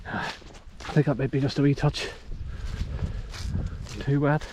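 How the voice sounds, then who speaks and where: A man's voice: mid-range voice, little pitch movement, takes it slowly. A man with a Northern Irish accent, chatting casually and thinking aloud as he hikes a wet mountain trail, filmed on a handheld phone. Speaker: hiking vlogger. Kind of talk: casual walk-and-talk vlog. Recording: loud wind noise outdoors. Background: wind and rain.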